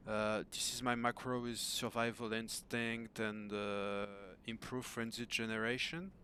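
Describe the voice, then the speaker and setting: French guy in his 30s, slow, lots of ums and restarts, kinda self-deprecating. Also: medium pitch, level tone, pushed and bright, slight background noise. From France. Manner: hesitant, many fillers and restarts, self-deprecating. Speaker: gamer asking for coaching. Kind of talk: casual recorded message to a coach.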